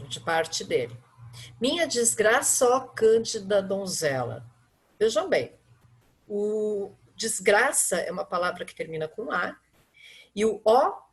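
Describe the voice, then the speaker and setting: A woman teacher talks her students through a lesson in a soft, breathy voice of middle pitch. She reads lines of verse slowly and leans on each stressed syllable, then goes back to plain explaining. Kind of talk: online literature lesson with slides.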